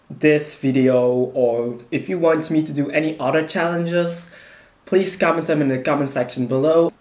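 A young man chatting casually to camera as a vlogger in his bedroom. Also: fairly high pitch. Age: young adult. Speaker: challenge vlogger. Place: bedroom, indoors. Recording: echoey small room.

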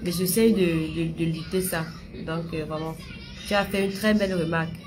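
A woman's voice: lowish voice, fairly even intonation, moderate pace, noisy background. A young woman hosting a casual live stream, talking straight to her viewers, repeating herself, with a slight stammer she says has eased. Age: young adult. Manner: chatty, addresses viewers directly, repeats phrases. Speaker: livestream host answering viewers.

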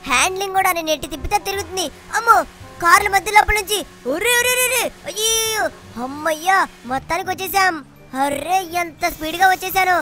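A woman voicing a cheeky, mischievous little boy who shouts and brags while playing a video game. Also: very high-pitched, quick pace. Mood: excited boasting. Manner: shouty, bragging, teasing. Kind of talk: GTA game play-along voicing.

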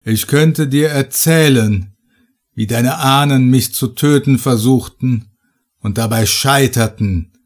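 A man's voice: mid-range voice, takes it slowly, natural voice. A man voicing an ancient living stone idol that speaks with a thundering, cold and scornful voice. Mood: booming, scornful.

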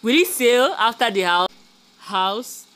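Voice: mid-range voice, animated, takes it slowly, sharp tone, smooth. A host giving a chatty, casual gossip recap of a reality show, talking straight to the viewers. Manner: chatty, calls viewers "guys", many fillers.

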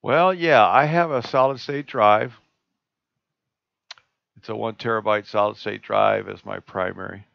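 A man presenting a live screen-share tutorial on a video call, talking in a relaxed, halting way with many fillers and restarts. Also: fairly low pitch, creaky, no echo. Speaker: astronomy club presenter. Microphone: computer mic on a video call. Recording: dull lo-fi video call audio.

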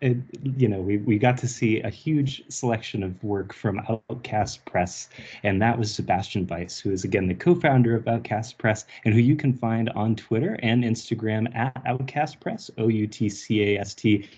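A male host speaks over a group voice chat. His low voice is husky, and the call audio comes through dull and lo-fi. He introduces each reader haltingly, pausing on ums and restarting his sentences. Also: darkish tone. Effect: heard over a group voice chat. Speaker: host of a reading series.

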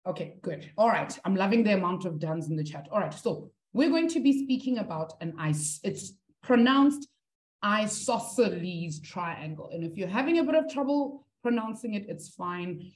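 A woman's voice: on the low side, darkish tone. A woman teaching a live online maths lesson, encouraging her students and reading their answers from the chat.

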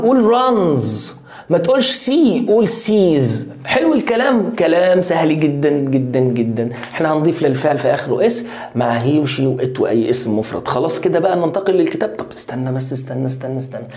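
A man with an Egyptian Arabic accent teaching English to young pupils in a lively, playful way, repeating drill words slowly. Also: on the high side. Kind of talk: online lesson for young pupils. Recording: roomy echo.

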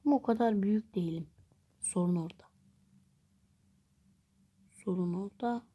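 Woman, casual game commentary, mellow voice, excitable outbursts, phone game. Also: mid-range voice, moderate pace, husky. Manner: chatty, exclaims and groans at the game. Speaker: gameplay vlogger.

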